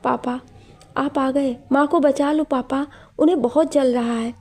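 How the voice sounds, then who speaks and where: A woman's voice: high-pitched, steady tone, a little slow, darkish tone. A woman voicing a frightened young boy who is haunted by dreams, speaking in a pleading, tearful way.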